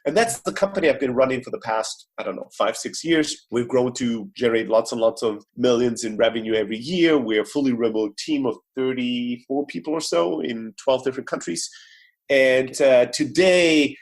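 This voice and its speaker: A man's voice: medium pitch, normal speed. A man from Greece, a startup CEO, speaking as a guest in a podcast interview over a remote call, telling his story with energy and plenty of fillers.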